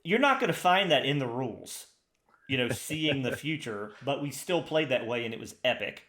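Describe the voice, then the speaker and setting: The recording has a roomy echo, capturing a man's mid-range, slightly bright voice. He's a podcast co-host in casual, enthusiastic conversation, rambling along with many restarts.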